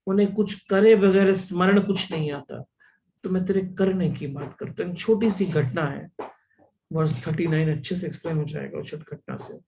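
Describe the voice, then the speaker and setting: A man giving a spiritual discourse, telling a parable slowly and deliberately and repeating phrases for emphasis. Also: fairly high pitch, creaky, warm tone, a little hiss or hum, poor audio. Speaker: spiritual teacher.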